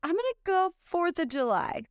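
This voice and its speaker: A professional disc golfer from Oklahoma, a woman in her thirties, answers interview questions in an upbeat, chatty way, full of ums and quick laughs. Her very high voice is expressive, and the studio-quality recording has no echo.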